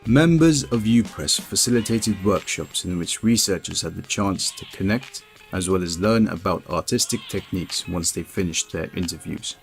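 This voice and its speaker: A man reads documentary narration in a measured, even way. His voice sits very low. Music plays clearly behind him. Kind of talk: scripted narration.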